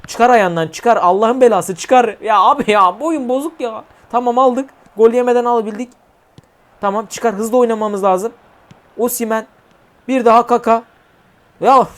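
A young man commentating his own mobile football match for viewers, chatty and slangy, often swearing and shouting at the game. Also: sits high. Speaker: gaming YouTuber.

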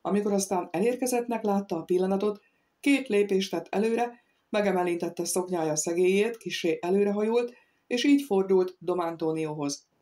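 A woman's voice: mid-range voice, warm tone. Woman reading a novel aloud. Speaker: audiobook reader. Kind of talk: scripted narration.

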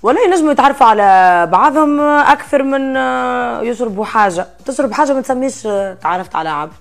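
A woman's voice: on the high side, fast, gravelly, soft background music. A woman in her thirties with a Tunisian accent, chatting as an interview guest and slipping in French phrases between laughs. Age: 30s. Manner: lively, mixes in French phrases, laughs often. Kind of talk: casual interview chat. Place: indoor studio set with armchairs.

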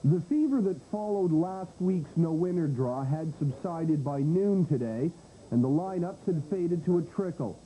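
A man's voice: a little high, lively intonation, measured pace, dark tone, slight background noise, low-quality recording. A man narrating a scripted television news report on an old broadcast tape.

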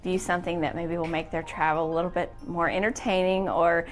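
A woman's voice: fairly low pitch, level tone, brisk. A woman from an airport art program explaining it casually in an interview. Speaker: arts program staff. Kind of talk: interview talk. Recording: interview with music bed behind.

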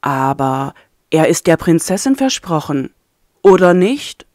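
Curious young maid read by a woman, soft and slow, storybook audiobook. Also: low-pitched, big pitch swings, no room sound, clean studio sound, pitched below the performer's own voice. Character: quiet young female servant, curious and soft-spoken.

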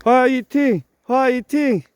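A man's voice: very high-pitched, slow pace, clear, resonant tone. A man outdoors chatting casually with a friend, teasing and cheering him on in exclamations. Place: outdoors in winter.

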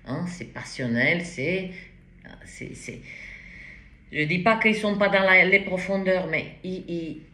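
A woman's voice: on the low side, takes it slowly, pushed and bright, echoey room. A woman giving a spoken tarot reading, hesitant and rambling, with frequent restarts and interjections. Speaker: tarot reader.

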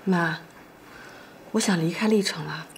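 A resigned, heartbroken young lawyer. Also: female voice, fairly low pitch, unhurried, vocal fry. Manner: quiet, resigned, soft-spoken. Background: soft guitar music.

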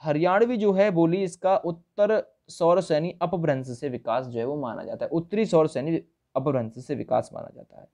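A man's voice: on the high side, moderate pace, dark tone. A man teaching an exam-prep lesson, posing quiz questions and repeating each point with reminders to remember it. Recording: dull lo-fi sound.

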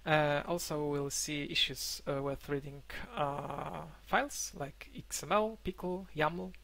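Slow, halting man giving a tech talk. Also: on the high side, gravelly, fairly bright tone. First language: Polish. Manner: halting, many fillers and restarts. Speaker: conference speaker. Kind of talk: online conference talk. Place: indoor room, remote talk.

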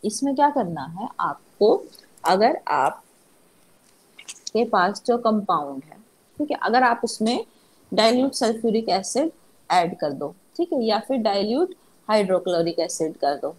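A woman's voice: mid-range voice, big pitch swings, a little slow, slightly rough, rough recording. A woman chemistry lecturer, teaching a class and repeatedly asking questions that she answers herself. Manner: asks rhetorical questions and answers them herself.

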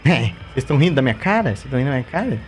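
A man with a Brazilian Portuguese accent doing let's play commentary, jumpy and swearing, with bursts of squeaky baby talk. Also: very animated, racing, slight background noise. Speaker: gameplay streamer.

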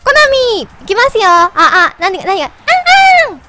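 A woman with a squeaky, helium-altered voice giving playful, chatty, excitable commentary on a game as its host. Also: moderate pace, heavy background noise. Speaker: host of a mobile game channel. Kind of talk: casual gameplay commentary.

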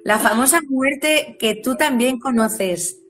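Woman interviewer, soft noise behind. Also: high voice, slow. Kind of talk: casual chat.

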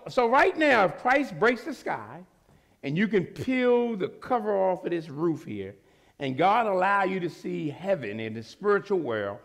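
Male pastor, high-pitched and gravelly, preaching with big shouts and sudden quiet drops. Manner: call-and-response preaching, shouting at peaks then dropping low. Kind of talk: sermon. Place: church sanctuary.

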